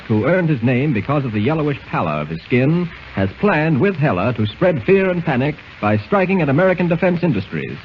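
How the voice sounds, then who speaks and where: Brief: male narrator for a 1940s radio serial, lively rising-and-falling delivery, muffled old broadcast sound. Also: fairly high pitch. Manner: measured storytelling recap. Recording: dull, faintly hissy 1940s radio transcription.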